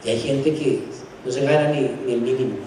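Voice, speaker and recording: A middle-aged man with a Bogotá Colombian Spanish accent giving a conference lecture, emphatic and sarcastic, his pitch jumping up to stress points. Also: fairly even intonation, fairly quick, mellow, a little hiss or hum. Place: large hall. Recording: echoey hall from far off.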